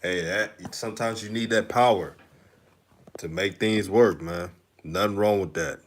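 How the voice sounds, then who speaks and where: Reading comments during his live stream, a man from Houston, Texas talks casually and laughs a lot, with a slight Texan accent. His voice is lowish and his pace is measured.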